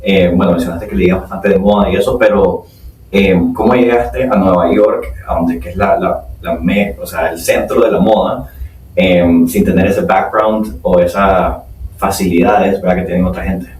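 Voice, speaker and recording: A man with a low voice hosts a podcast interview. His questions wander and he leans on fillers as he circles toward his point. He sounds set back from the mic in a roomy, echoing space with a faint hiss. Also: steady tone, normal speed, a little mellow. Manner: rambling questions with many fillers. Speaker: podcast host. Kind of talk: hosting an interview. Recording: echoey room, distant mic.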